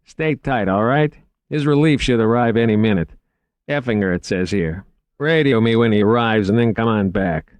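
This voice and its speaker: A man's voice: fairly low pitch, moderate pace, no room sound, pitched above the performer's own voice, lightly acted. A man voicing a brusque, grumbling security dispatcher in an audiobook, blunt and casual over the radio. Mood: dismissive. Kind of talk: audiobook character acting.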